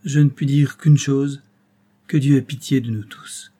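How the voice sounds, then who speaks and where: A man's voice: mid-range voice, steady tone, measured pace, dark tone, breathy edge, pitched above the performer's own voice. A man reading aloud and voicing an earnest young male lawyer, solemn and compassionate.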